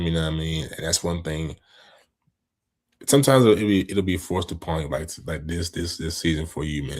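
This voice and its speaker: Deep-voiced man in casual sports chat. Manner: laid-back, slangy, repeats "you know what I mean". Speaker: podcast co-host.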